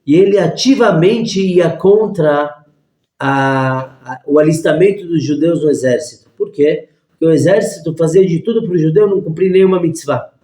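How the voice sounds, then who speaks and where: Man, rabbi, storytelling lesson, higher voice, echoey room. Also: normal speed. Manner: animated storyteller acting out voices. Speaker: rabbi teaching a class.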